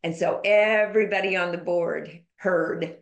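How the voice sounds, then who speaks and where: Speaking at a measured pace in a fairly low, steady voice, this podcast guest tells her own story with emphasis and candor. The interview-style chat sounds lo-fi and carries a roomy echo.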